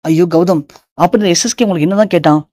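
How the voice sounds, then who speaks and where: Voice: medium pitch, very fast, a little mellow, no room sound, clean studio sound, lightly acted. A narrator voicing a caring young wife who anxiously soothes her husband. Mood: soothing.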